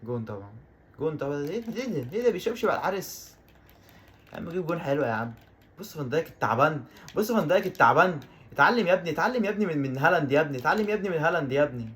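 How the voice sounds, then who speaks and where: Excitable fast-talking Egyptian man gaming. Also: on the high side. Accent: Egyptian Arabic. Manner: excitable, repeats exclamations over and over. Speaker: gaming YouTuber. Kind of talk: let's-play commentary.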